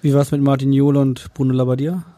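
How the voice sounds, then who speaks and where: Fast-talking male host, mellow. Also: medium pitch, little pitch movement, no room sound. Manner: quick, prodding questions. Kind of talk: casual interview questions.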